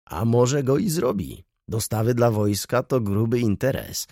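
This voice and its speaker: A man's voice: medium pitch, lively intonation, measured pace, warm tone, no room sound, studio quality. A man doing a fawning, curious sales agent. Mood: inquisitive. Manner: polite, fawning questioning. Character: inquisitive male sales agent, ingratiating and polite.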